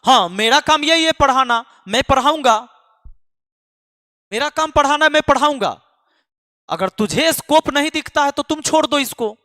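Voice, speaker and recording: A man's voice: very high voice, expressive, moderate pace, pauses often, sharp tone, no echo, studio quality, long reverb tail. A man who teaches math online, speaking to his students in an emphatic, scolding way and repeating lines for force. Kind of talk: impassioned address to students.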